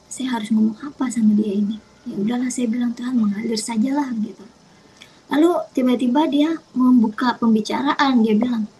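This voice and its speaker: A woman from South Sulawesi, Indonesia, tells her faith testimony in an earnest storytelling way. She speaks softly and often slips into a whisper. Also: a little high, slightly rough, rough recording. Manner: soft, often slipping into a whisper. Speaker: convert giving a testimony.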